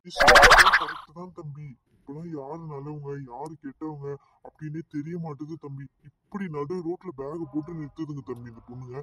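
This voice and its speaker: A suspicious, grumbling middle-aged bus driver who scolds and lectures, as a man voices him for a cartoon. His voice sits a little high and is caught from slightly off mic. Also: brisk, pushed and bright, far from the mic. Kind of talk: cartoon voice acting.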